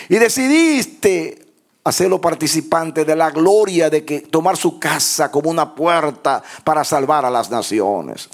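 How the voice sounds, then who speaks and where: A male pastor leads a fervent prayer at an unhurried, drawn-out pace. His voice sits on the higher side for a man and swings from low, hushed pleading to raised, impassioned cries.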